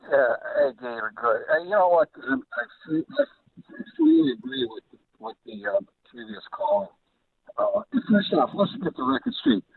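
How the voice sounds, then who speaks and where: A man calling in to a sports radio show, talking casually and haltingly with his phone held away from his mouth. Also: high voice, wildly swooping pitch, gravelly, slightly rough, no room sound. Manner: halting, restarts often. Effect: phone held away from his mouth, faint and distant. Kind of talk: casual call-in chat. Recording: tinny phone line.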